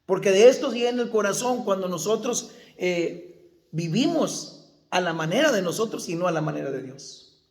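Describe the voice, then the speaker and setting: A man's voice: high-pitched, expressive, normal speed, roomy sound. A male pastor preaching a sermon, asking the congregation questions and answering them himself.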